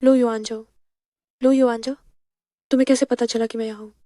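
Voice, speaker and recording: A cool, clever young heroine, dubbed by a woman in a Hindi drama dub. She speaks fast in an even, flat tone with a dark, mellow voice. The recording is close and dry. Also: fairly high pitch, dry recording, lightly acted. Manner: calm and firm, quick delivery.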